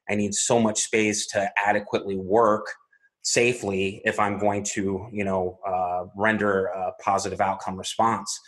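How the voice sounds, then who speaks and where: A man in his 40s from Arizona, with a lowish voice, tells a personal story as a guest. He is calm and methodical, going through it in a measured, step-by-step way.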